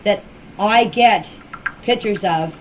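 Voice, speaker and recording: A grandmother talks slowly in a medium-pitched voice, answering questions informally as a relative of children who went missing. She's plain-spoken, insistent and repetitive. Her amateur recording has slight background noise.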